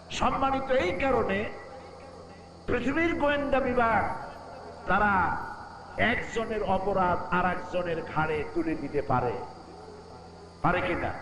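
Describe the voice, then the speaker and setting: A man preaching a waz sermon, putting questions to the crowd and chanting Quranic verses in a drawn-out melody. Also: sits high, echoey room, noisy background. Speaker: Islamic preacher.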